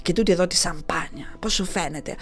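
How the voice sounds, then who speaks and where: A woman's voice: on the low side, fairly bright tone, lightly acted. A woman voicing a flamboyant young male wine god who gushes and wheedles. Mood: coaxing. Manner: gushing, wheedling sales patter.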